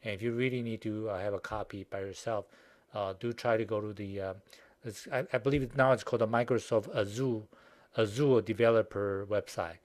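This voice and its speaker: A man teaching a recorded university lecture, speaking haltingly with many fillers and restarts and a Chinese accent. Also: fairly low pitch, steady tone. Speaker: university professor.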